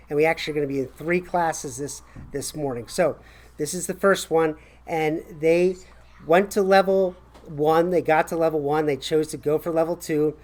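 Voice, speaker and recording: An American man in his forties giving casual, enthusiastic school announcements to a camera in a classroom, chatty and encouraging. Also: fairly high pitch. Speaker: school staff host of morning announcements. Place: small classroom, indoors.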